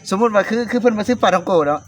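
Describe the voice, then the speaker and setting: A man hosting a casual interview, talking quickly and repeating words. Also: high voice, steady tone. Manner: quick, repeats words, fillers like nah and maen. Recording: background noise.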